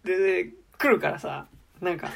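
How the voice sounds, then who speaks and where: A woman's voice: fairly low pitch, normal speed, vocal fry, slight background noise. A woman co-hosting a casual podcast chat about a TV drama, acting out quoted lines as she talks. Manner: animated, acts out quoted lines. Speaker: podcast co-host.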